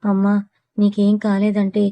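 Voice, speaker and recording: A woman takes the part of a young husband who teases and needles his wife. The voice is dark and mellow, and the pitch stays flat. This is an audio storybook. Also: unhurried, no room sound, close to an everyday voice. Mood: teasing. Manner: mocking, teasing. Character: teasing young husband, man.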